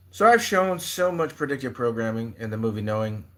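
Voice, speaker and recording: A man hosting a casual livestream, talking in an excitable, rambling way with many fillers. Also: mid-range voice. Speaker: livestream host. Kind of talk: casual livestream chat about prophecy.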